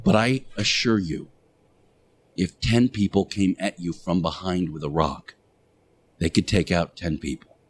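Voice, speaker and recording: Hosting a radio show, a man gives a monologue that sounds like a sermon, preaching emphatically and repeating phrases for rhetorical effect. His voice is low-pitched and husky.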